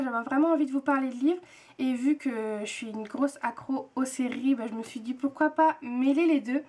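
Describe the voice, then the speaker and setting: A woman's voice: high voice, a little mellow. A young woman from France chatting casually to her viewers, hesitant with many fillers and repeated words. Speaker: book and TV vlogger. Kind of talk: casual chat to camera.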